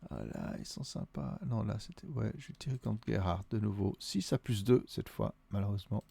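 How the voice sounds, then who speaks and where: A man's voice: on the low side, very animated, moderate pace, vocal fry, warm tone, breathy edge, no echo. A man with a Vaudois Swiss accent, thinking aloud and counting under his breath as he plays through a solo board wargame. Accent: Vaudois Swiss French.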